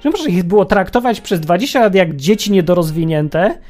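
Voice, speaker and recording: A man's voice: high voice, brisk, a little mellow. A man hosting a radio talk show, delivering an opinionated, sarcastic monologue with mocking exclamations.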